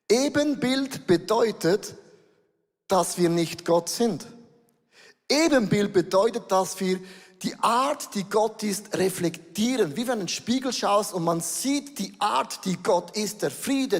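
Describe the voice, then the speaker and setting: Middle-aged Swiss German preacher, animated delivery with slow stressed words, large reverberant hall. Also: male voice, high voice. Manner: animated, shifts between slow emphatic words and rapid bursts. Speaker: pastor. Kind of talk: sermon.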